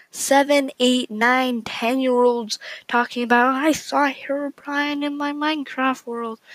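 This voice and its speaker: A woman hosts a solo podcast, talking slowly in a fairly high voice, opinionated and chatty, often restarting her sentences. The recording is close, dry and low-quality, with no room sound.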